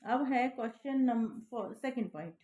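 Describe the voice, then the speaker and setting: A woman's voice: on the high side, measured pace, mellow. Patient woman teaching maths. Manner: patient, checks in with repeated "thik hai" and "hai na". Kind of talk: step-by-step classroom maths explanation.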